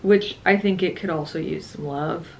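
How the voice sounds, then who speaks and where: Young woman, tired, chatty and playful, lowish voice, faint hum behind. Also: normal speed, creaky, low-quality recording. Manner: chatty, playful, trailing off with laughs. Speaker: travel vlogger. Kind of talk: casual chat.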